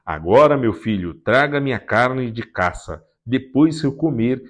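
A grave, aged father pronounces his words slowly, his voice rising and falling broadly, as a man reading scripture puts him on. The delivery is unhurried and weighty. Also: mid-range voice, expressive. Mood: solemn. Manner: slow, solemn pronouncing of a blessing. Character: aging blind father, solemn and grave.

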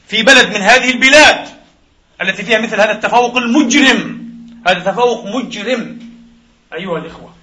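A man in his forties delivering a Friday sermon in a mosque, impassioned, with sharp swings in pitch and loudness. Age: 40s. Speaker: preacher.

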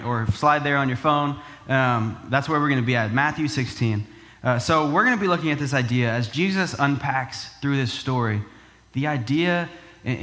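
A man's voice: mid-range voice, a bit bright. A man preaching as an upbeat youth pastor, talking to the church in a casual, conversational way. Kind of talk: conversational sermon.

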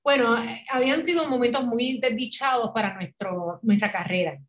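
A woman's voice: a little high, normal speed, a bit bright, a little hiss or hum. A middle-aged woman with a Puerto Rican Spanish accent, a podcast guest telling her story in casual conversation, acting out quoted dialogue and laughing often.

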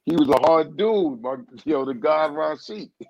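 Fairly high in pitch, a little mellow and animated at a moderate pace, the guest singer recounts a lengthy, casual story. It's full of "you know what I'm saying" and restarts, recorded with no echo and a dull, dry, muffled quality.

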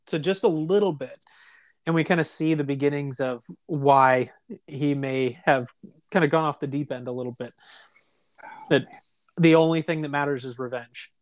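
Higher-voiced man, dry close sound. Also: fairly even intonation, no room sound. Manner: chatty, quick to agree, laughs. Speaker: podcast co-host. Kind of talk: casual chat.

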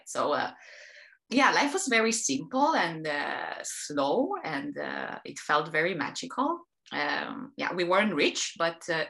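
A woman's voice: low voice, a bit bright. A woman from Romania, a podcast guest, telling stories about her life in an enthusiastic, chatty way with frequent restarts over a remote call. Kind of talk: conversational interview. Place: home in Amsterdam.

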